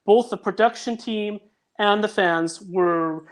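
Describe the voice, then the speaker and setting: Taking his time, a man whose voice sits high chats as a guest on a relaxed video-call podcast. He produces audio dramas and speaks earnestly, with many restarted sentences.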